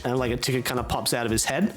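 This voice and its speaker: A man's voice: medium pitch, fairly even intonation, rapid-fire, music in the background. A man narrating as dungeon master in a loose, filler-heavy way. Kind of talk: narrating a tabletop game.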